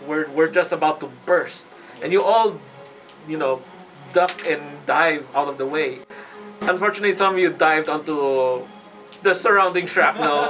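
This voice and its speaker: A man narrating a live tabletop game as game master, halting and suspenseful. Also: fairly high pitch, a bit bright, poor audio.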